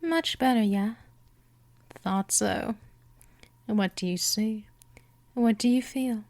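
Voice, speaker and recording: In this scripted hypnosis roleplay, a woman is a seductive vampire who is gentle but in control, teasing and coaxing while often sliding toward a whisper. Her slightly high voice moves slowly on a dry recording.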